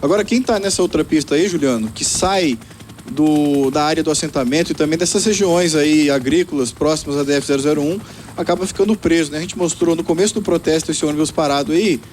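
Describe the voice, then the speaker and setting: A Brazilian man reports live from the roadside in a quick, chatty stream full of fillers. His voice sits a little high and moves at a rapid clip. A faint noise hangs in the background. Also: a little mellow. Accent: Brazilian Portuguese. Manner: fast, conversational, many fillers. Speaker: field reporter.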